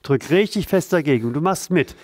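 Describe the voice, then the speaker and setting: A man's voice: on the high side, lively intonation, brisk, no room sound. A man leading a back-stretching exercise, addressing the viewer directly and encouragingly as he coaches a partner through it. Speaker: pain therapist leading exercises. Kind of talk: instructional exercise demonstration.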